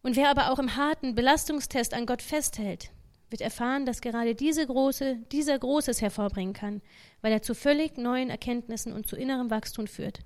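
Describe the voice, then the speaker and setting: A woman's voice: a little high, normal speed, a little mellow. A woman giving an informal devotional talk, earnest and conversational, often voicing the thoughts of an imagined believer. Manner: earnest, conversational, acts out imagined inner voices.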